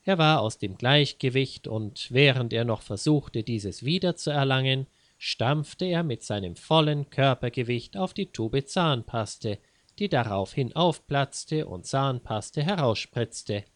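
A man's voice: mid-range voice, animated, takes it slowly, no echo. A man narrating a scripted story for a grammar lesson in a didactic, wry manner. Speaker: language teacher.

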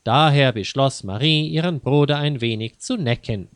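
A man reading a children's story aloud in a calm, measured way, close to the mic. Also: medium pitch, clean tone, no echo. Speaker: narrator.

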